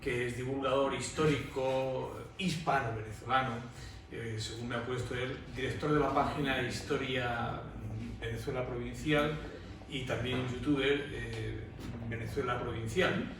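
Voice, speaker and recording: A man's voice: medium pitch, fairly even intonation, unhurried. A man moderating a panel, introducing speakers in a semi-formal way. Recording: very echoey, distant mic, clear background noise.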